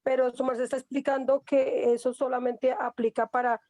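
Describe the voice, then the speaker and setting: A woman's voice: high voice, flat delivery, normal speed, dark tone, no echo. Hesitant woman asking a question. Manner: hesitant, polite, with restarts. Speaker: student.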